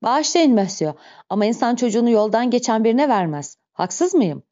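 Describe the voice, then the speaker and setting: A woman's voice: a little high, expressive, fairly quick, warm tone, close to an everyday voice. A woman reading an audiobook speaks the part of a sly male innkeeper who feigns fond, earnest feelings in her own voice. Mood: falsely earnest. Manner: smooth, falsely earnest. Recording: dull lo-fi recording.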